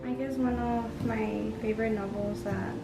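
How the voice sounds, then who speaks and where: Young woman, college student, hesitant, flat delivery; roomy, distant recording with music behind. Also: fairly high pitch, normal speed, creaky. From Honduras. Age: young adult. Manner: hesitant, with many ums and likes. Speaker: community college student giving a testimonial. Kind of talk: unscripted testimonial. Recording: roomy, off-mic, music underneath.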